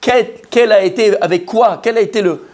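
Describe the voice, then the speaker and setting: A man teaching a lively religious class to a room of men, asking questions and answering them himself, mixing Hebrew terms into his French. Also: sits high, moderate pace. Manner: acts out the story's characters, mixes Hebrew terms into French.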